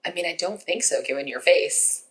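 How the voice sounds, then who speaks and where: A woman's voice: sits low, normal speed, roomy sound, rough recording. A woman co-hosting a podcast in casual chat, reacting to her co-host with dry quips.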